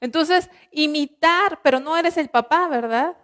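A woman with a Mexican Spanish accent preaching a sermon in an earnest teaching manner, asking rhetorical questions and slowing down on scripture. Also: high-pitched, a bit bright.

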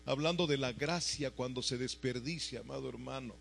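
A male preacher delivers a sermon to his congregation, his voice pitched in an ordinary middle range. He peppers the room with rhetorical questions and swings from loud, emphatic lines to quiet, low ones. A faint mains hum sits beneath the recording. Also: moderate pace, creaky.

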